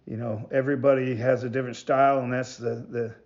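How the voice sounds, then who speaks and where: A man giving a casual product demonstration as a maker of hunting calls, talking in a halting, rambling way and often repeating himself. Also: medium pitch, flat delivery, darkish tone, lo-fi sound. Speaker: goose call maker presenting products.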